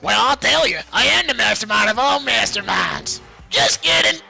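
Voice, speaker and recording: A man voicing a manic, brash female serial killer with a put-on New York accent, loud and over the top. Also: high voice, very animated, normal speed, creaky, soft background music, exaggerated voice. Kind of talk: amateur fan dub of a game.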